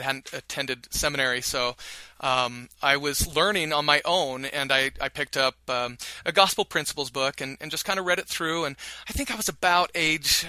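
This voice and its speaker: A man's voice: on the high side, bright, forceful tone, no room sound. A middle-aged man from Utah, telling his own story in an interview, hesitant with many fillers and restarts. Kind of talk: reflective personal interview.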